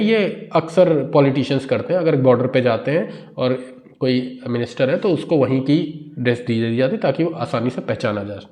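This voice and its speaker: Indian man, English teacher, reads the news slowly, explains word by word, everyday voice. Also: mid-range voice, darkish tone. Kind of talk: explaining a newspaper article in Hindi.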